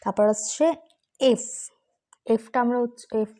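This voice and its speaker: Slow, high-voiced woman teaching phonics. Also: warm tone. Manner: slow, drawn-out modeling of letter sounds. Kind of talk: phonics lesson.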